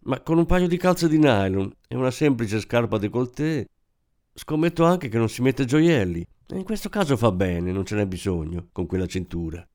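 A man's voice: mid-range voice, sing-song, normal speed, a little mellow, close to an everyday voice. A man voicing a chatty, effusive woman who sells dresses, with gushing sales patter. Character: chatty middle-aged woman dress seller.

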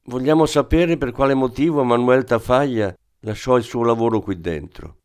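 A man's voice: medium pitch, normal speed, darkish tone, clean tone, close to an everyday voice. A man reading an audiobook, voicing a composed female police inspector who presses a witness firmly and steadily. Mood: pressing. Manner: firm, controlled, pressing.

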